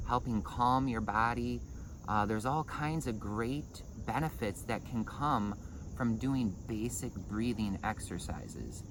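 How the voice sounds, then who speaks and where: A man with a mid-pitched voice teaches breathing meditation in an informal way. He explains things step by step, hesitating and repeating words as he goes. There is clear background noise with insect-like chirping. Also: fairly bright tone, rough recording. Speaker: breathing meditation and Qigong instructor. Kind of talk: informal spoken lesson.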